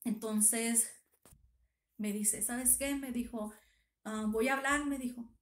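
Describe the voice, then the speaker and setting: A woman's voice: fairly high pitch, fairly even intonation, slow pace. Emotional woman vlogger in an echoey room. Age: 30s. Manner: emotional retelling, quoting others with constant "me dijo". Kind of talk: casual storytelling vlog.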